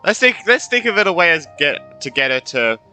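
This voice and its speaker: A man casually commenting on a game stream, chatty and quick to laugh. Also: a little high, sing-song, sharp tone. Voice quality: chatty, giggly reactions. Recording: stream audio with game music.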